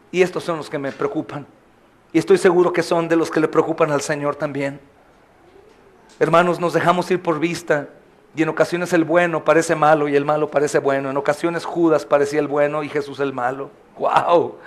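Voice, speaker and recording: A man preaches to his congregation in a fairly high voice, pleading and questioning, now quiet and grave, now crying out with force. He speaks as the pastor of the church. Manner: impassioned, swings from soft to loud cries; addresses the congregation as brothers, asks questions. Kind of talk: sermon.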